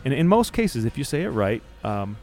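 A man's voice: medium pitch, sing-song, normal speed, darkish tone. A man co-hosting a casual talk show, chatting and often repeating words as he thinks. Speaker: podcast co-host. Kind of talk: casual conversation.

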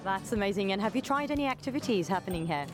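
A woman's voice: medium pitch, animated, quick pace, over music. Upbeat woman reporter at a book fair. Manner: upbeat, chatty, laughs easily. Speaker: roving reporter. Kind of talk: vox-pop interviews.

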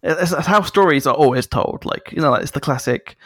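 A man chatting casually as a podcast host, animated, swearing freely and laughing through his sentences. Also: fairly high pitch, a little fast, no echo, studio quality. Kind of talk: casual chat.

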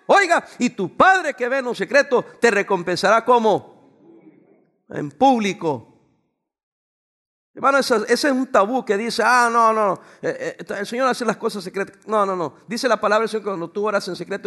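A male pastor preaching a sermon, pausing for the congregation to finish his lines. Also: very high voice, a bit bright. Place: church before a congregation.

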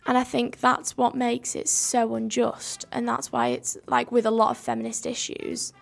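Young woman, higher voice with vocal fry, earnest, run-on sentences, faint music. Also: level tone, normal speed. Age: young adult. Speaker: radio show co-host. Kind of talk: casual discussion.

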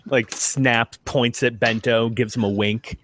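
A man's voice: mid-range voice, fairly even intonation, slow, a bit bright, a little hiss or hum. A man playing a tabletop role-playing game, casually improvising what his character says and does.

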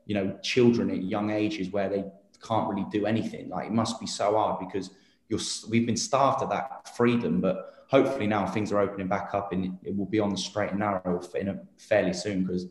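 A man's voice: lowish voice, steady tone, a little fast, reverberant. A man in his late twenties, an interview guest talking casually and earnestly with many fillers and restarts. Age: 20s.

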